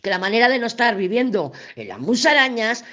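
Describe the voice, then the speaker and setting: A woman gives a casual daily tarot reading with a very animated voice that swings up and down. She talks frankly and chattily to the listener. She often trips over her words and laughs it off. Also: on the high side, fairly quick, lo-fi sound. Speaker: tarot reader.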